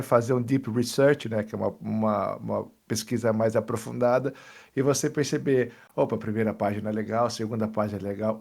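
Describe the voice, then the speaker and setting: A podcast host in a casual chat who asks questions and adds his own points to his guests' answers. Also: mid-range voice.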